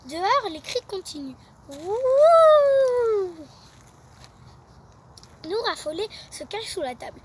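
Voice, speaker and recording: A young woman reading a children's bedtime story aloud, with a lively read-aloud manner. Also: very high voice, fairly quick, hardly any pauses, distant mic, very noisy.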